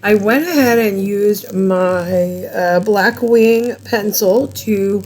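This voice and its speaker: A woman's voice: medium pitch, slow pace, darkish tone. A woman hosting an art channel, talking casually and enthusiastically through a tutorial while stumbling over product names. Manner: chatty, rambling, enthusiastic.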